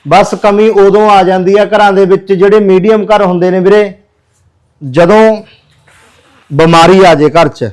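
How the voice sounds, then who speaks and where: Social worker guy, high clear voice, begging viewers for help real earnest. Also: fairly even intonation, unhurried, pauses often, poor audio. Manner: earnest, pleading, addresses viewers as brothers. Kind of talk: charity appeal walkthrough video.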